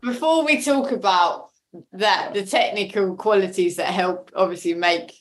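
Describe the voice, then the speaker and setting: A woman who makes audio dramas appears as a podcast guest, speaking casually in a mid-range voice at a slightly slow pace. She explains things emphatically and often repeats words for emphasis.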